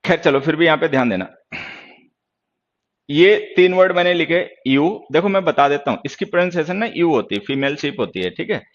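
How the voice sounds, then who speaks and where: A man's voice: on the high side, lively intonation, fairly quick, dull audio. A man teaching English grammar in Hindi during an online class, lecturing sternly and answering viewers' questions.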